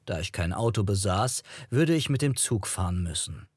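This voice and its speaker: A man narrates a first-person novel in a low, measured voice, telling the story at a steady pace. The recording is dry and close, with no room echo at all. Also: slightly rough. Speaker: audiobook narrator.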